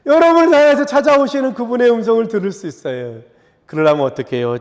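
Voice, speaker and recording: A man preaching a sermon as pastor, in a conversational way that keeps asking the congregation to agree, and he acts out the scripture voices with dramatic pauses. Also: mid-range voice, a little mellow. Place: church sanctuary. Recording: reverberant church sanctuary.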